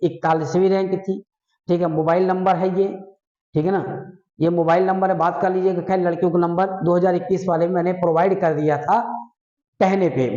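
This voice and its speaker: A man with a high, bright-pitched voice coaches his exam students in a casual, coaxing way, pausing often to check that they are following along. His voice rings around an echoey room, and the recording sounds dull and lo-fi. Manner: repeats "ठीक है ना" as a check-in, coaxing and direct. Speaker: English exam coaching teacher.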